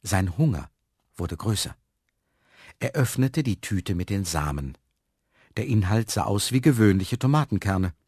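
A man reading a children's story aloud, expressive and lively. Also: lowish voice, a little slow, pauses often, husky, dry recording, clean studio sound.

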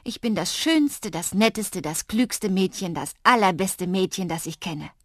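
A woman's voice: medium pitch, expressive, unhurried, no echo, clean studio sound. A woman playing an anxious young girl who pleads eagerly. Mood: pleading.

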